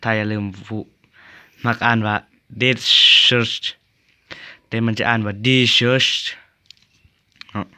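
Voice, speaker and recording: A young man with a Lao accent giving a casual video lesson on English pronunciation, repeating each word slowly to show how it is said. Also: lowish voice, monotone, a bit bright, clear, resonant tone, dry recording, studio quality. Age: young adult.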